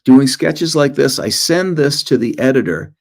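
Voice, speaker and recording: With a mid-range, slightly fried voice at a normal speed, a man addresses students informally in his role as a children's author and illustrator. He animates his stories and makes light of himself.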